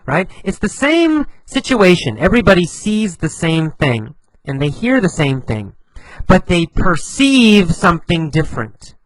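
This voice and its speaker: A man teaching English vocabulary, explaining slowly and patiently, repeating phrases with lively emphasis. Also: high-pitched, no echo, low-quality recording.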